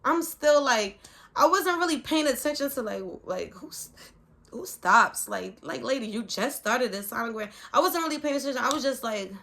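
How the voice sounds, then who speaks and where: A pregnant woman vlogging, telling a story casually to camera in an animated, rambling way full of "like". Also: sits high, moderate pace, gravelly. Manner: animated and rambling, leaning heavily on "like". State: pregnant, with hiccups and heartburn.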